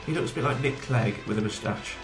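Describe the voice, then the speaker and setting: A man's voice: mid-range voice, quick pace, reverberant, music in the background. A man co-hosting a podcast in casual chat, wry and joking, laughing often. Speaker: podcast co-host.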